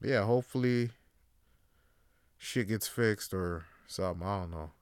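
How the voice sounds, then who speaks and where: A Canadian podcaster from Toronto rants alone on his show, swearing heavily and rambling as he alternates between loud outbursts and low musing. His voice is smooth and measured in pace, the sound close, dry and echo-free.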